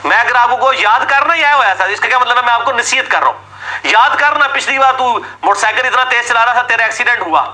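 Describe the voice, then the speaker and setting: A man's voice: extremely high pitch, animated, sharp tone, poor audio. A man giving an argumentative religious talk, asking sarcastic rhetorical questions and mimicking his opponents. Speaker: religious lecturer.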